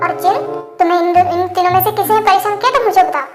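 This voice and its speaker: A woman voicing a kindly, fatherly older man who heads the family, warm and teasingly scolding. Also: very high-pitched, quick pace, over music. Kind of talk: hindi fan dub voice acting.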